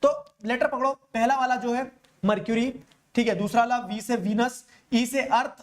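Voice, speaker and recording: A man's voice: very high voice, fairly even intonation, moderate pace. A man teaching a geography lecture in a casual, chatty way, often stopping to check that listeners follow. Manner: keeps asking listeners if they follow. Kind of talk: explanatory lecture.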